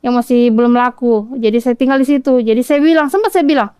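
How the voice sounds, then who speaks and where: A mother from Kolaka with a Southeast Sulawesi Indonesian accent earnestly retells events in detail, giving a personal account in a podcast interview. Her high-pitched voice is mellow and smooth, she speaks at a quick pace, and there's no echo.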